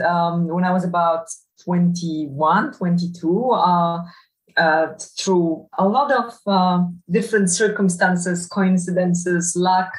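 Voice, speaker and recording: Guest: middle-aged woman, low-ish voice, halting and reflective, distant roomy call audio. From Poland. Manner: thoughtful, many fillers and restarts. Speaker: guest, professor. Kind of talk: interview over a video call. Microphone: video call.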